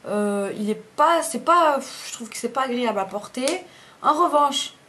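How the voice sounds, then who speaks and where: A woman's voice: fairly high pitch, lively intonation, normal speed, bright, forceful tone, a little hiss or hum. A woman, chatting casually through a makeup review, rambling and often correcting herself mid-sentence. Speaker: beauty vlogger.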